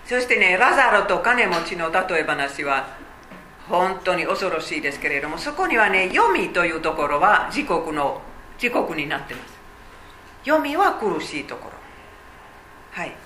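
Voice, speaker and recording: A woman's voice: fairly low pitch, sing-song, normal speed, sharp tone, echoey room, a little hiss or hum, rough recording. A woman teaching a Bible study, explaining chattily with fillers and asides.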